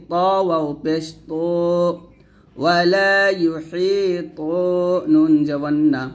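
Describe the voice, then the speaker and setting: A man teaching Quran recitation, spelling out letters and vowels, then chanting each word slowly and drawn out, with quick soft explanations in between. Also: on the high side. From Bangladesh. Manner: speaks explanations quickly and softly between slow chanted phrases. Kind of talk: slow spelled-out recitation lesson.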